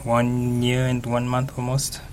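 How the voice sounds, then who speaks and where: A man's voice: mid-range voice, completely flat delivery, a little slow, slight background noise. A man with a Rwandan accent answers as a student guest in a radio interview, speaking a little hesitantly.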